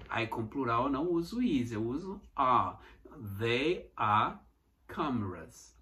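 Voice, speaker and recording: Brazilian man teaching English, bright tone, patient, repeats every example slowly, casual lesson delivery. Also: medium pitch. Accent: Brazilian Portuguese.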